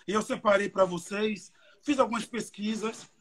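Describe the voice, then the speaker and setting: Husky, a bit bright and high-pitched, this man's voice moves at normal speed as he preaches to a youth church service streamed live. The evangelist has a Brazilian Portuguese accent and speaks with emotion, conversationally, with plenty of fillers.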